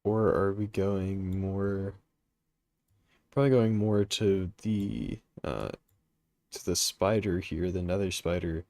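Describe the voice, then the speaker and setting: A sleepy young man streams a game from home, thinking aloud in a slow, unhurried drawl full of ums and uhs. His voice sits fairly low and comes across dry and close, with no room sound around it. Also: fairly even intonation, dark tone, dry recording. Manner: hesitant, thinking aloud with many fillers, reads chat questions. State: sleepy, yawning. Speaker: gaming livestream host. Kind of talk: casual live commentary while playing.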